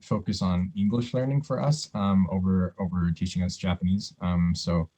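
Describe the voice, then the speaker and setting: Deep, mellow man musing aloud. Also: fairly even intonation, moderate pace, low-quality recording. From United States. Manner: rambling, thoughtful, many fillers. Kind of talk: casual podcast chat.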